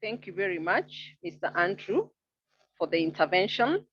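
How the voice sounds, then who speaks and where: Female meeting moderator, husky voice, polite and formal, heard on a dull, roomy online connection. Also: on the low side, sing-song, moderate pace. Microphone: online meeting call. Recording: muffled, roomy online call audio.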